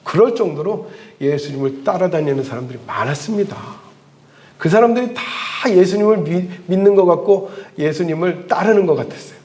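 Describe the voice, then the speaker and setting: A man preaching a sermon as a pastor in church, telling the story with animated delivery and dramatic pauses. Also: high voice.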